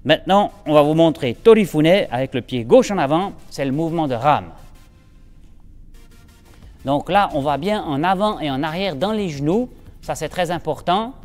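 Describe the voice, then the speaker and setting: A man leads a martial arts class indoors, talking students through breathing with calm, steady cues. His voice is smooth and clear and sits slightly high for a man. Faint music plays behind him. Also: moderate pace, in a large hall. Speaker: aikido instructor. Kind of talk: instructional demonstration.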